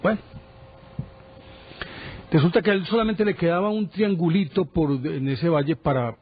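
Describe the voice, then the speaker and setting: A man presenting a TV program, telling a history story casually with lively asides. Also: fairly high pitch, a little fast. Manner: animated storyteller, chatty asides. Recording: dull broadcast audio.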